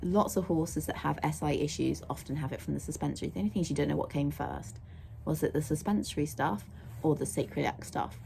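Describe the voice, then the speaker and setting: A young woman vlogger who owns horses chats in a rambling way and laughs often, first outdoors at a stable yard and then in a car. Her voice is low, croaky and warm, fairly quick, with a little hiss or hum on the recording.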